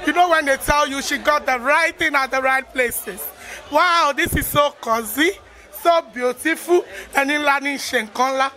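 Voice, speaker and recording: A Nigerian woman presenting live from a busy event, excited and gushing with praise as she interviews guests. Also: high voice, normal speed. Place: busy salon during a launch event.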